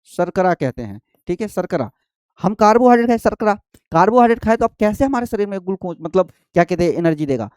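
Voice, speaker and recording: A man's voice: high voice, big pitch swings, quick pace, a little mellow, clean tone, no room sound, clean studio sound. A male teacher giving an exam-prep biology lesson, repeating each point and quizzing the students as he goes. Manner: repetitive, quizzing, addresses students as friends and babu.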